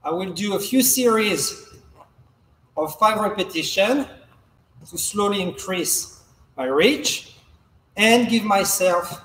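A young man, a coach, giving calm, measured step-by-step instruction while demonstrating exercises in a large indoor hall. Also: high voice. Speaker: fencing coach. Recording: echoey gym hall, faint background noise.

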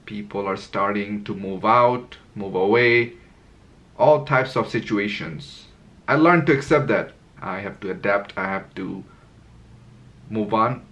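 A candid young vlogger in his twenties muses to camera in an indoor room with curtains, his lowish, slightly bright voice moving at a measured pace. The unscripted, reflective monologue rambles as he searches for the right words.

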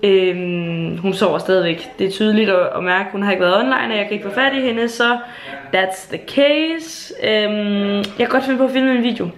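A late-teen woman from Jutland, Denmark, vlogs at home for YouTube with a handheld camera, her mid-range voice steady and her speech running with few pauses. She is casual and gushing, swearing and filling gaps with fillers, and the sound is roomy.

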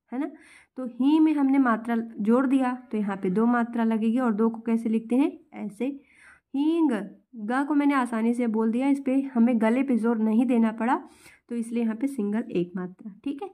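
A woman teaching a lesson in a mellow, warm voice that sits a little high. She explains step by step, asking questions and answering them herself. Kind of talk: classroom-style lesson.

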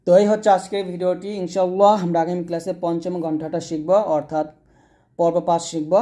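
A man from Bangladesh teaching Quran reading, spelling out letters and vowel marks slowly in drills before speaking more quickly to his viewers. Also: on the high side, dark tone. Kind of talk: slow drilled recitation lesson.

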